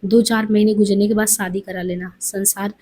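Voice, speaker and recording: A woman reading the lines of an elderly village man who speaks softly and consolingly in a storybook reading. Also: mid-range voice, level tone, moderate pace, close to an everyday voice. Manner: soft, consoling.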